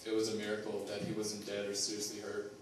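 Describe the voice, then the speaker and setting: Young guy telling his testimony, low flat voice, lots of ums and restarts, far off mic in a super echoey hall. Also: slight background noise. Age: young adult. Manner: halting, many fillers and restarts. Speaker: student giving a testimony. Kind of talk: personal testimony.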